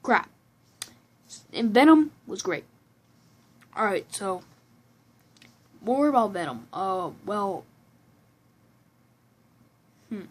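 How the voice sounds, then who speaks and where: A woman's voice: mid-range voice, big pitch swings, extremely slow, long pauses, poor audio. A woman giving a casual, rambling movie review at home, often restarting sentences and breaking into giggly asides. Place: room at home with a computer behind her.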